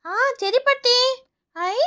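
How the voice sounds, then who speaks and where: A woman voicing an excitable little girl in a children's cartoon, pleading and eager. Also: very high voice, very slow, full character voice. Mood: excited. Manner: excited, pleading, repeats "paati, paati".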